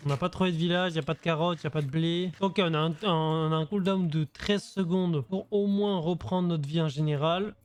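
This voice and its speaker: A man's voice: a little high, steady tone, fairly quick, few pauses, clean tone. A young man giving casual, slangy gameplay commentary, thinking aloud as he goes. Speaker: gaming video creator. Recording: voice over music.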